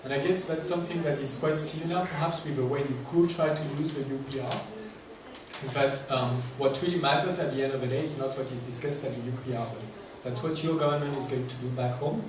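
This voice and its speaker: A man with a French accent gives a fast-paced workshop talk in English at a conference, his mid-range voice hesitant and packed with filler words as he puts questions to the audience. The recording was made from a distance in a large, echoey conference room, with noise present.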